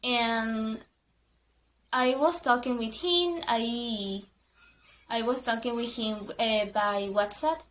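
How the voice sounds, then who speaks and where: A woman vlogger telling a casual story in halting, self-correcting English that is not her first language, laughing often between phrases. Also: on the high side, fairly bright tone, slight background noise.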